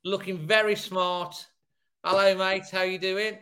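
A man's voice: high voice, flat delivery, unhurried, pushed and bright. A man hosting a casual fan chat show, friendly and chummy with his guests. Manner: chummy, calls guests mate.

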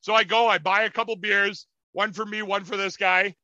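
A young man with a very sharp, bright tone tells a story in casual, profane chat. He talks over a video call, and the sound is dry and close with no room echo. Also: high-pitched, moderate pace, lo-fi sound. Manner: animated, profane, acts out quotes in loud voices. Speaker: podcast co-host.

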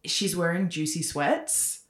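A woman's voice: on the low side, big pitch swings, slow pace. A woman in her thirties, co-hosting a podcast in a casual, rambling chat full of likes and ums. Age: 30s. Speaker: podcast co-host. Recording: echoey room.

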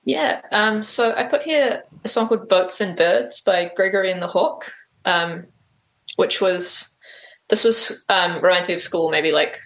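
A woman's voice: fairly low pitch, measured pace, fairly bright tone. Hesitant New woman guest. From New Zealand. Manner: hesitant, full of "like" and "um" fillers. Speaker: interview guest. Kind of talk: casual interview answers.

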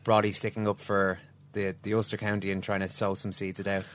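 A man's voice: fairly low pitch, level tone, fairly quick. A man hosting a casual sports discussion.

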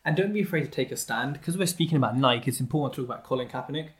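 A man's voice: medium pitch, expressive, racing. A man hosting a podcast in casual conversation, blunt, opinionated and jokey. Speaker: podcast host. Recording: roomy echo.

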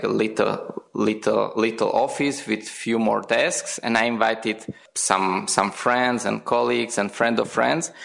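Slow, gravelly young man from Slovakia. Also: mid-range voice, fairly bright tone. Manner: hesitant, repeats words. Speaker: guest, founder. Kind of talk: podcast interview.

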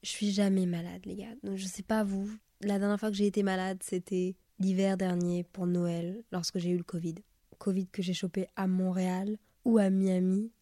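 Young woman w a stuffy nasal sick voice, chatty podcast style, soft mellow tone, drops english slang. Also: medium pitch, little pitch movement, normal speed, no room sound, clean studio sound. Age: young adult. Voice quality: nasal, congested voice. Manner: confiding, informal, sprinkles in English slang. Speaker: podcast host. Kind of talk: casual solo podcast chat.

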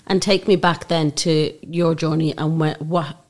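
A woman's voice: low voice, fairly even intonation, measured pace. A woman with an Irish accent, hosting a casual interview in an informal, probing way. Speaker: host, interviewer.

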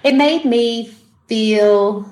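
Speaking extremely slowly in a slightly high, somewhat mellow voice, a middle-aged woman from New Zealand appears as a podcast guest. She works in TV as a producer and director, and her casual interview talk is full of laughter, fillers and restarts.

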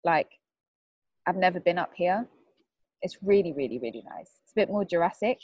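A woman chats on a podcast from a remote connection. She sounds relaxed and wry. The sound is dry and a bit muffled. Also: fairly low pitch, normal speed, no room sound. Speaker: podcast co-host. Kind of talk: casual chat. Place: remote, away from home.

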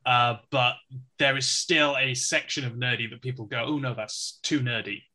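A man's voice: medium pitch, fairly even intonation, moderate pace, pushed and bright. A man co-hosting a podcast, making his point emphatically. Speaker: podcast co-host. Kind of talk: casual podcast chat.

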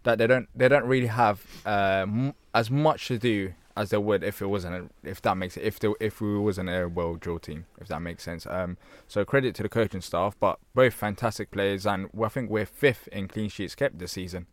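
A man's voice: lowish voice, normal speed, hardly any pauses, dry recording. A man chatting casually as a football podcast panellist.

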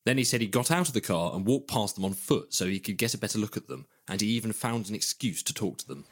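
Deep-voiced, fast-talking news host. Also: male voice, gravelly. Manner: brisk, explanatory. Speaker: podcast co-host and reporter. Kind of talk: scripted news narration.

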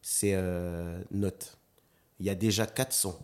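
A man, a dancer and slam artist, chatting as a guest in an interview, telling animated stories and acting out quotes, with frequent restarts. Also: sits low, takes it slowly. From New Caledonia. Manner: animated storyteller, acts out quotes, stammers on restarts. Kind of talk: casual interview chat.

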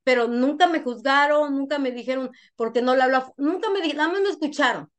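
High-voiced Mexican woman telling her story. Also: a little fast. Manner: animated storyteller who acts out other people's lines; frank, uses crude slang. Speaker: guest.

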